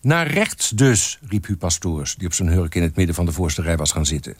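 A man reading aloud from a novel in an expressive, lively way. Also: low-pitched, fast talker, husky, no room sound.

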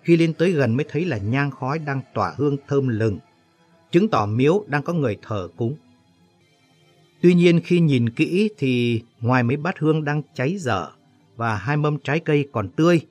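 A man reading a story aloud in a steady storytelling manner. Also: medium pitch, normal speed, dry recording. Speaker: narrator. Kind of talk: audiobook story narration. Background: faint background music.

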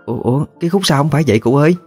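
A man voicing a curious young granddaughter who asks eager, quick questions. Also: medium pitch, expressive, mellow, soft background music, voice pushed up, close to an everyday voice. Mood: playful.

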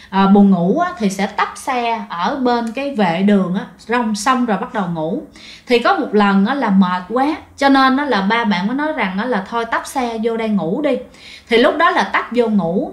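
A woman tells ghost stories in a loose, conversational way, full of fillers and asides to her listeners. Her voice sits a little high. The recording has a noticeable room echo. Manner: chatty, addresses listeners directly, many fillers. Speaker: ghost story narrator. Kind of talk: casual spoken storytelling.

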